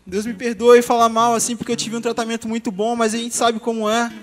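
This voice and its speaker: High-voiced young man giving a lively church testimony. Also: fast. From Brazil. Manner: lively, humorous, addresses the congregation. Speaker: testimony speaker. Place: church hall. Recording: long hall reverb, soft guitar music.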